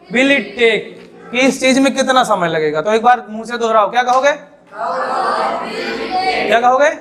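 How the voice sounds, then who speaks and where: A man's voice: extremely high pitch, fairly bright tone. A man teaching spoken English to a class in Hindi, asking the same question over and over to drill the students.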